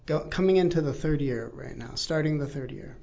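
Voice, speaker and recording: A gravelly-voiced man talks through printmaking techniques as an interview guest. He explains patiently, filling gaps with ums and uhs. The recording sounds muffled and lo-fi. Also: on the high side, brisk, darkish tone. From born in New Zealand, raised in Texas. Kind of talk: casual interview.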